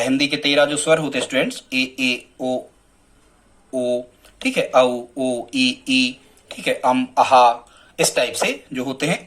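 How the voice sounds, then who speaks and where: Male grammar teacher with a higher-pitched voice, talks to his students, poses questions and answers them himself, reads examples slowly. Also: a bit bright. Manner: addresses students often, asks and answers own questions; reads English example sentences slowly and carefully. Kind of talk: classroom grammar lesson.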